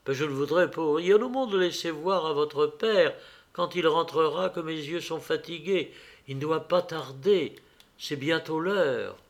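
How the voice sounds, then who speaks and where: A man reading an audiobook, voicing the worried, gentle mother of a poor family in a soft, tender manner. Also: a little high, unhurried. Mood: weary tender. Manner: soft, tender, steadying herself.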